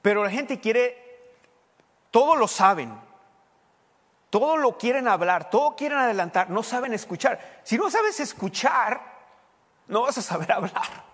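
A man preaching as pastor, animated and emphatic, dropping from loud points to quiet asides and slipping English words into his speech. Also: very high-pitched, measured pace, pauses often, in a large hall. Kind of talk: sermon.

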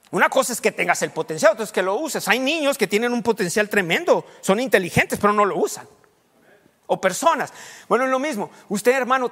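A man preaching a sermon as pastor, quizzing the congregation and rushing through bursts of speech. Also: high voice, fairly bright tone, in a large hall. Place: church sanctuary.

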